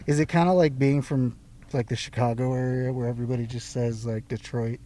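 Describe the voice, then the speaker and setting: Male podcast host, mid-pitched, easygoing interviewer; recorded in a car with clear crowd chatter behind. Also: steady tone, fairly quick. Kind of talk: casual interview chat. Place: inside a parked car.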